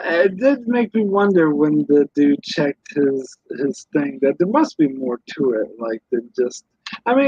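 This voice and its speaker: A man's voice: fairly high pitch, breathy edge, no echo, dull audio. A man guesting on a casual review podcast, hesitant and skeptical, often correcting himself.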